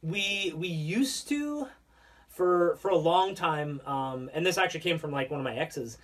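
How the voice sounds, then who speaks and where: With an animated, fairly bright, slightly high voice that runs a little slow, this podcast co-host keeps the chat casual but hesitant, stuffed with likes, ums, and other fillers. The studio recording has him somewhat far from the microphone.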